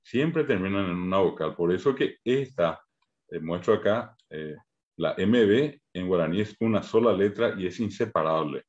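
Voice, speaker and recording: A man's voice: low voice, animated, dull audio. A man with a Paraguayan Spanish accent teaching a Guarani class over a video call, patiently sounding out syllables one by one. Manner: patient, spells out syllables slowly. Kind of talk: online language lesson.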